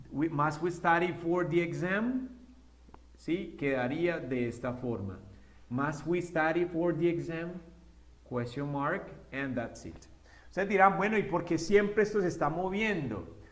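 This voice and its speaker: A man teaching an English grammar lesson step by step, often checking in with a quick question. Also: on the high side. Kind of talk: recorded classroom lesson. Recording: echoey room.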